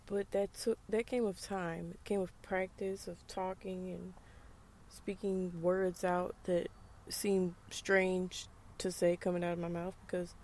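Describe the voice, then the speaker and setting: Southern US woman, casual vlog monologue, mellow warm tone, frank and emphatic with conversational asides. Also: lowish voice, little pitch movement, measured pace, slight background noise. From United States. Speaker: vlogger.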